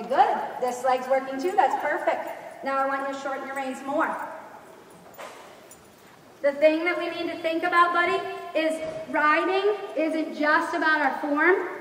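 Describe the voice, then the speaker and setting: A woman with a high voice teaches riding in brisk, projected commands. She is firm and instructive, putting questions to her pupil. The sound is distant and very reverberant, as in a large arena, with some faint noise behind her. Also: a bit bright. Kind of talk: live riding lesson coaching. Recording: echoey hall, distant mic, background noise.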